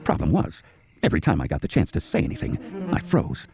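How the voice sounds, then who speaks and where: Cartoon audio drama: earnest crocodile detective, low and quick, self-doubting leader, music underneath. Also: male voice, wildly swooping pitch. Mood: wistful storytelling. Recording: music behind the voice.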